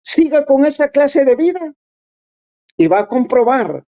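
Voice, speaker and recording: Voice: mid-range voice, warm tone. A preacher giving a sermon, exhorting and speaking straight to the listeners in an earnest way. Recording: dull lo-fi recording.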